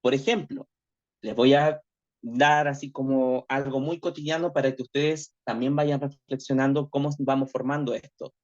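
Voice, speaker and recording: A man's voice: medium pitch, steady tone, moderate pace. A male teacher giving an online class lecture, reflective, checking in with tag questions constantly. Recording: dull lo-fi audio.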